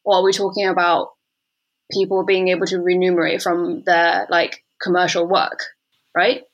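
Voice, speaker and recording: A woman in a casual discussion, talking haltingly with many fillers. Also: on the low side, flat delivery, lo-fi sound.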